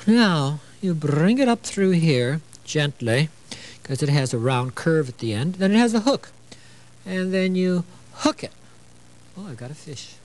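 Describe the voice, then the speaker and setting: A man's voice: a little high, big pitch swings, a little slow, a little mellow, rough recording. An older man from Illinois hosting a sewing demonstration on a television show, chatty and playful, with frequent "you know" and joking asides. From Illinois, USA. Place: TV studio.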